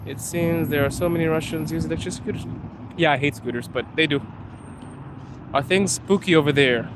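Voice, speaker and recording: A man's voice: a little high, brisk. A Zimbabwean man in his twenties or thirties, chatting casually on a livestream while walking outdoors, laughing often and slipping into freestyle rap. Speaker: livestreaming vlogger. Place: outdoors on a city street. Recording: street noise behind the voice. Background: traffic and street noise.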